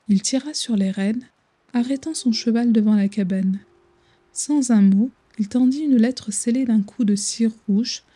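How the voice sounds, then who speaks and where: Woman, bedtime storyteller, very warm mellow tone, husky breathy softness, close-up in the ear, slow and soothing. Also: mid-range voice. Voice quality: soft, breathy.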